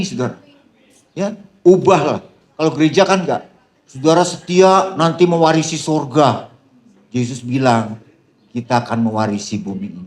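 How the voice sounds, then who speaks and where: A man preaching a sermon to a seminar audience as pastor, constantly calling out to the crowd and mixing scripture with teasing jokes. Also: a little high. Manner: addresses the crowd with repeated "saudara", teasing humor. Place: seminar hall.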